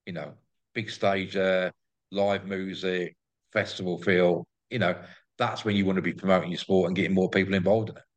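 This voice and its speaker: Interview guest: English man, deep voice, effusive casual chat, repeats himself for emphasis. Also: level tone, normal speed. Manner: effusive, repeats words and phrases. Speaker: interview guest, greyhound track promoter.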